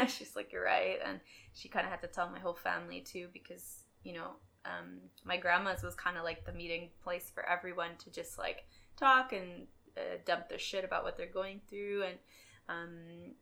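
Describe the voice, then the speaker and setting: This young adult woman from Quebec, Canada, appears as a podcast guest and tells stories about her past in a candid, casual, conversational way, laughing a lot and occasionally swearing. Her voice is lowish and a little bright with vocal fry, her intonation fairly even and her pace moderate.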